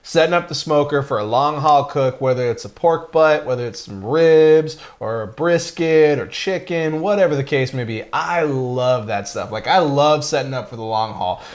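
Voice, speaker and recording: A man's voice: mid-range voice, moderate pace, few pauses. A man co-hosting a casual whiskey review, talking enthusiastically and rambling with many fillers.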